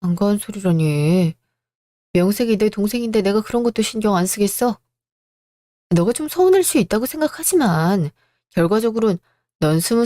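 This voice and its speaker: A favored elder brother who talks down to his younger sibling in a placating way, voiced by a woman. He sounds smooth and self-satisfied. It is a close, dry radio-drama read. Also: mid-range voice, dark tone, dry recording, close to an everyday voice. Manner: condescending, placating.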